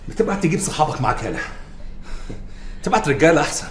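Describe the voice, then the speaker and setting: An actor with an Egyptian accent playing a vengeful police officer who threatens and shouts. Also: male voice, a little high, big pitch swings, racing, slight background noise. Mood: threatening. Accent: Egyptian Arabic. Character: furious vengeful police officer, menacing man. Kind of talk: film acting. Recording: echoey film soundtrack with music.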